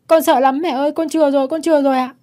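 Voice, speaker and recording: A woman's voice: sits high, steady tone, racing, mellow, pitched above the performer's own voice, close to an everyday voice. A woman voicing a terrified little boy who wails and begs for mercy in a spoken story. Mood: pleading, terrified. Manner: wailing, begging.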